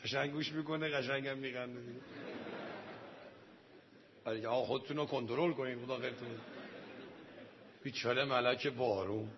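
A man preaching to an audience of men, telling a sacred story dramatically and swinging from hushed asides to loud outbursts. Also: medium pitch, fairly even intonation, pauses often, dull audio, noisy background. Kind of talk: storytelling sermon to a male audience.

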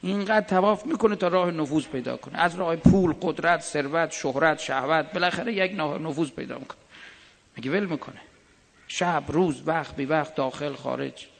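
A man delivering a sermon in a slightly high, gravelly voice. He stretches out the lines of poetry slowly and then talks to the audience in a casual way. His voice carries a long reverb from a large hall. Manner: slow drawn-out recitation of verses, conversational asides to the audience. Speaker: preacher. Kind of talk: religious sermon with poetry recitation.

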